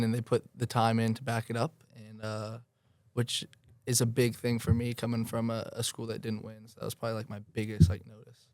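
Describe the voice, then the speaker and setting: A man's voice: mid-range voice, clean tone, no echo. A twenty-one-year-old man from Florida giving casual interview answers, full of fillers and restarts. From Florida, United States. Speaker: guest soccer player.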